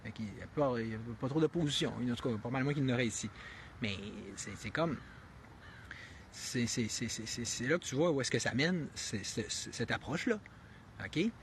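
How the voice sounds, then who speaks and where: A man with a Québécois French accent, speaking a little fast in a mid-range voice, provides unscripted live commentary as a streamer, earnest and given to emphatic rhetorical questions. He rambles, thinks aloud and keeps restarting, with plenty of fillers. A little hiss or hum is audible.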